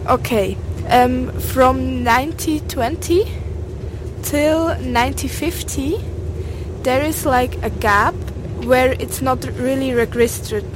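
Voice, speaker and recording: High-voiced woman, very slow and halting, noisy street behind. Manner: halting, simple English. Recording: noisy location with traffic ambience.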